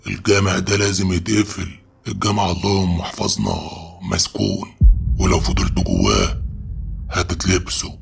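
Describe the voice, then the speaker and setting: A man's voice: extremely low pitch, big pitch swings, moderate pace, vocal fry, slight background noise, voice pushed down, heavily acted. A man with an Egyptian Arabic accent voicing a stern, anxious older imam who angrily warns people away. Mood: angry warning. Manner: angry, warning.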